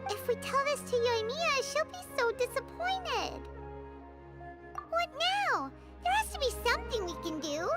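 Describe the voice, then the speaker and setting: A woman voicing a tiny, childlike fairy companion in a video game, bubbly and emphatic with a squeaky voice. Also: sing-song, measured pace, over loud music, full character voice. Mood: dismayed, pouting. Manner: bubbly, emphatic, speaks of herself in third person. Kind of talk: animated video game character acting.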